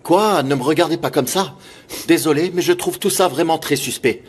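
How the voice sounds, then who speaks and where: Blunt suspicious relative, husky voice. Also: male voice, fairly high pitch, normal speed. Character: suspicious family member, blunt and distrustful.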